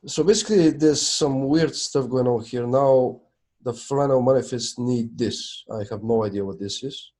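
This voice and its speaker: On a video call for a technical meeting, this project maintainer talks casually at a normal speed in a medium-pitched, darkish voice. He's thinking out loud as he goes through documents.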